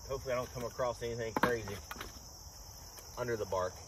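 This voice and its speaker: A man's voice: mid-range voice, fairly even intonation, quick pace. A man narrating outdoor chores in a casual, rambling way, talking out of the side of his mouth. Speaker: vlogger. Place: outdoor woodyard under pines. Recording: distant mic, noisy outdoor ambience.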